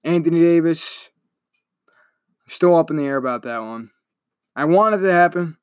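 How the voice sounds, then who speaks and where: A young man talks through his solo sports podcast in a loose, rambling way, stopping to correct himself as he goes. His voice sits a little high for a man. The recording is dry and close, with no room sound. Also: expressive, normal speed, smooth, dry recording. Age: young adult. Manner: rambling, self-correcting, chatty. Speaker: podcast host.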